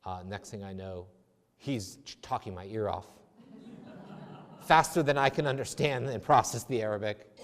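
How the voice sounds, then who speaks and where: A man's voice: lowish voice, unhurried. A man, a theology lecturer, answering audience questions in a conversational, discursive way with self-deprecating asides and frequent restarts, speaking in a chapel. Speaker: theology lecturer giving a talk. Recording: long chapel reverb.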